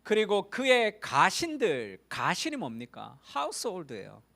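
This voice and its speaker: Lively high-voiced male pastor preaching. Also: a little slow, gravelly. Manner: animated storytelling, acts out quoted voices. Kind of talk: Sunday sermon.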